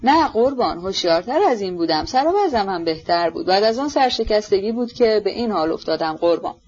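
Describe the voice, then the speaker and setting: A woman's voice: medium pitch, expressive, darkish tone, slightly rough, dull audio. A woman voicing a sly, fawning middle-aged man who grovels and keeps calling his listener sir, in a storybook reading. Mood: self-abasing. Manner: obsequious, wheedling, self-abasing.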